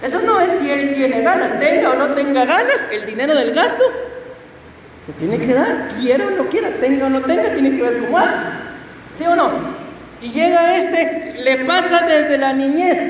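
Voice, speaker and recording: A man's voice: extremely high pitch, expressive, normal speed, slight background noise. A man preaching a sermon as pastor, questioning his congregation and acting out quotes. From Costa Rica. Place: church hall. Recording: echoey church hall, distant mic.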